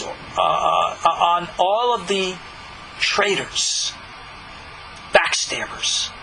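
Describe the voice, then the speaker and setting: A rabbi teaches scripture in a recorded Bible study lesson, his high-pitched male voice carrying a sharp tone. He explains things earnestly and raises his voice on key words. The recording is rough.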